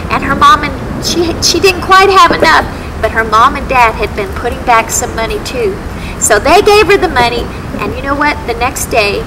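A middle-aged woman telling a story to children as a kids show host, with expressive, simple, exaggerated phrasing. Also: sits high. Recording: clear background noise.

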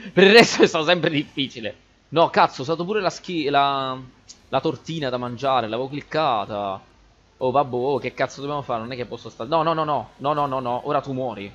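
A man giving excitable, swear-laden gameplay commentary and chatting to his viewers as a gaming channel host. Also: medium pitch, highs cut off.

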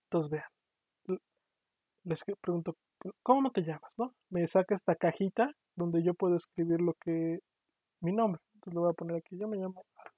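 A university lecturer with a high voice gives an online programming class, explaining patiently and frequently checking in with his students. He speaks at a normal speed with fairly even intonation. The audio is tinny, dry and phone-like, with no room sound.

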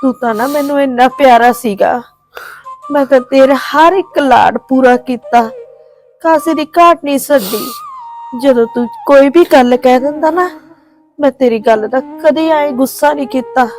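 A woman's voice: sits high, moderate pace, a little mellow, faint music behind. A woman playing an older mother who speaks tenderly and sorrowfully to her son. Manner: pleading, tearful, soothing. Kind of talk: village drama acting.

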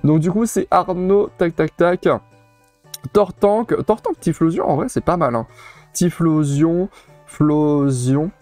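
A man's voice: on the high side, slow, darkish tone, faint music behind. Chatty man streaming a video game. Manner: chatty, repeats words, many fillers. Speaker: let's play streamer. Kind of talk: casual gameplay commentary.

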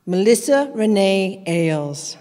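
A woman announcing graduates at a ceremony, reading each name slowly and carefully. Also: mid-range voice, big pitch swings, dark tone. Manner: slow, careful, evenly paced name reading. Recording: long hall reverb.

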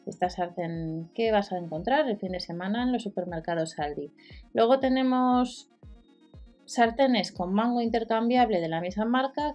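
A woman's voice: medium pitch, darkish tone. A woman from hosting a deals channel, reading out prices and product details with small fillers, as a voice-over. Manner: listing prices and specs with fillers. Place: voice-over over screen recording.

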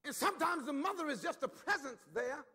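A male pastor preaching a sermon, swinging from low, intimate asides up to emphatic shouts, and repeating words as he builds his point. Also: animated, brisk, big-room sound. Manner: repeats words and acts out quoted voices.

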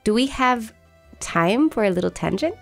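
A woman's voice: on the high side, animated, normal speed, gravelly, faint music behind. A woman hosting a podcast, chatting in a playful, casual way. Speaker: podcast host.

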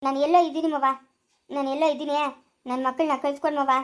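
A woman's voice: sits high, steady tone, rapid-fire, lightly acted. A woman playing an estranged mother begging on the phone to get her children back, with a rural Chikkaballapura Kannada accent and insistent, pleading delivery.

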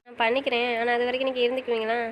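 A young woman chatting with her husband in a quick, rather high voice. She talks at a brisk pace, affectionate and teasing, now pleading and now playful. It is casual couple banter. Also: level tone, slight background noise, poor audio. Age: young adult. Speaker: wife in a couple's chat.

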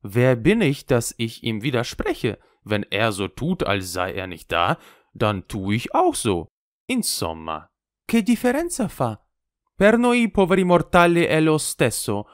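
A man voices a sly old conjurer with an Italian accent, worldly and cynical, mocking all he has seen in a dismissive mood. His medium-pitched delivery is a little slow, leaping and dipping with lively expression. The sound is dry and close with no echo.

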